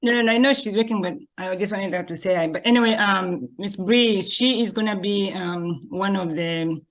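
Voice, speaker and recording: A woman's voice: medium pitch, moderate pace. Woman hosting a video call meeting. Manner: warm, informal introductions with hesitations. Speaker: meeting host.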